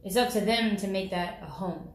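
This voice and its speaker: A woman's voice: mid-range voice, moderate pace, a little hiss or hum. A woman loan officer explaining the home loan process in a conversational way, often checking in with "okay?". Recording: roomy, echoey room.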